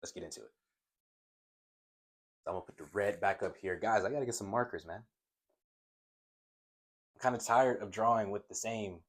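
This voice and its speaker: A man's voice: fairly low pitch, husky. A man teaching trading at a whiteboard in a casual way, who stutters and talks straight to his viewers. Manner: stutters when excited, talks to viewers as guys. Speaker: trading coach.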